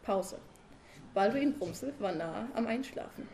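A woman reading a humorous story aloud as narrator, calm and even. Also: mid-range voice, a little slow, a little hiss or hum.

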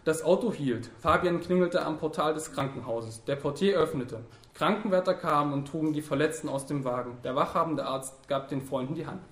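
A man's voice: a little high, brisk, noisy background. Grave male audiobook narrator, roomy sound. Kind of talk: scripted narration.

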